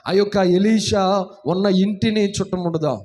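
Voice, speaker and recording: A man's voice: high voice, normal speed, darkish tone. A man preaching a sermon as pastor, retelling a story and asking his congregation questions.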